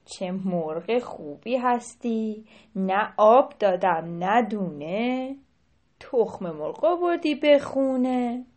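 A greedy, scheming young man from a children's storybook, insistent and loud as he haggles, his pitch jumping around. A woman acts him out with a fairly high voice. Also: animated, natural voice. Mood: wishful.

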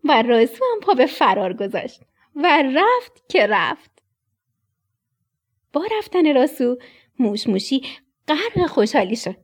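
Woman reading a kids story, high husky voice, whispers the scary bits. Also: long pauses. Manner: expressive, dips into whispers for suspense. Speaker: narrator. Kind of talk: children's storybook narration.

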